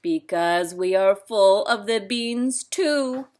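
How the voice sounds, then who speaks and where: A woman reading aloud and voicing a small, excitable male chihuahua in a children's storybook, speaking brightly and emphatically. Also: mid-range voice, takes it slowly, lightly acted. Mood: earnest.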